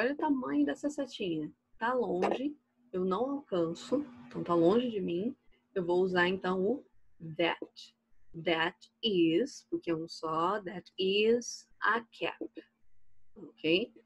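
Patient Brazilian teacher, breathy voice. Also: female voice, lowish voice, no echo, low-quality recording. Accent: Brazilian Portuguese. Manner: patient, slow and clear, asks "ok?" after each point. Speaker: English teacher. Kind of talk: recorded online class explaining slides.

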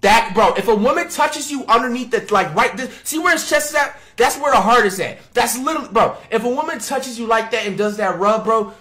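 A man in his twenties giving casual reaction commentary, animated and slangy, swearing freely and repeating himself. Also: very high voice, brisk, few pauses. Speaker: reaction video creator.

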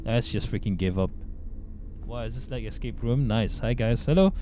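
A man's voice: mid-range voice, moderate pace, noisy background. A young man with a Bruneian Malay accent, giving casual, scared live commentary on a horror game and repeating himself. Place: small indoor room with webcam.

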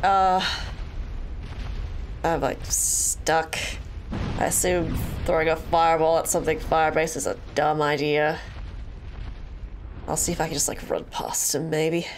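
A woman's voice: low voice, level tone, a little slow, long pauses, faint music behind. A woman with a congested, stuffy voice, casually commenting while she plays a game, chatting to enemies and laughing along the way. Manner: chatty, talks to enemies on screen, laughs often. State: congested from a cold. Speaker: gaming channel host. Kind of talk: let's play commentary.

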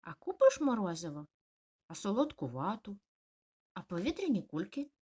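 A woman's voice: medium pitch, sing-song, moderate pace, mellow, breathy edge. A woman voicing an eager little male corgi puppy who calls out and pleads.

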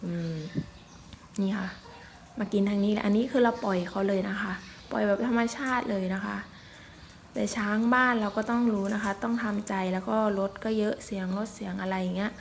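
Chatty woman with a gravelly voice. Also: medium pitch, fairly even intonation, fairly quick, slight background noise. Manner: chatty, polite, with frequent soft particles. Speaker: vlogger filming elephants. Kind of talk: casual outdoor vlog narration. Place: outdoors in forest.

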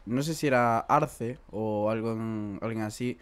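A man's voice: on the low side, unhurried, smooth. A man hosting a casual podcast interview, chatty and heavy on fillers. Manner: chatty, leans on fillers like "en plan". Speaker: podcast host.

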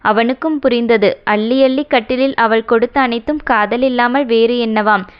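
A woman reading a romance novel aloud as an audiobook narrator, in a steady storytelling manner. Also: a little high, normal speed, smooth, highs cut off.

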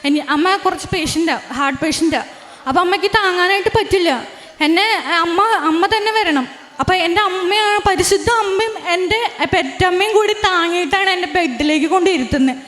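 A young woman with a very high, light voice tells her religious testimony, earnest and halting, often breaking off and restarting. Her voice rings with a long reverb, as if she is speaking in a large, echoing room. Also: fairly bright tone. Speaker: testifying believer.

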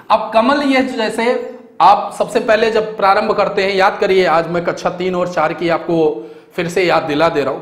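A man's voice: high-pitched, fairly bright tone, echoey room. A male teacher giving an exam-prep grammar lecture, explaining step by step, repeating key words and asking and answering his own questions. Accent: Hindi, North Indian.

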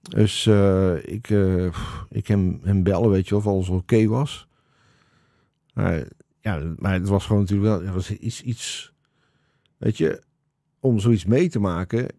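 A man hosting a podcast, in casual chat, telling a story in a halting, searching way. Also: fairly low pitch, vocal fry, mellow, no room sound, studio quality. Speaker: podcast host.

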